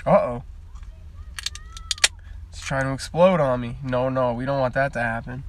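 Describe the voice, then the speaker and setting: A man's voice: medium pitch, steady tone, normal speed, background noise. A young man streaming live from his parked car at the beach, chatting casually and wandering from topic to topic, picked up by a phone mic. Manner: rambling, chatty, easily sidetracked.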